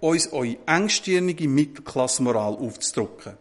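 A man's voice: mid-range voice, animated, moderate pace, close to an everyday voice. A man voicing haughty schoolgirls who lecture the other children. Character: defiant schoolgirls claiming a jump rope.

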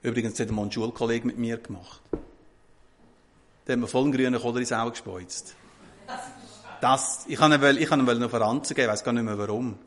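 A man, telling a parable in a sermon with a lively, chatty manner. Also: mid-range voice, brisk, pauses often. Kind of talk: sermon storytelling.

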